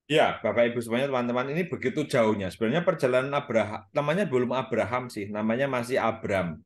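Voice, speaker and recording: Chatty priest giving a casual sermon. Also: male voice, mid-range voice, fast. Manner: conversational, chatty, with fillers and laughter. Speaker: priest giving a talk at a prayer meeting. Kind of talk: informal sermon.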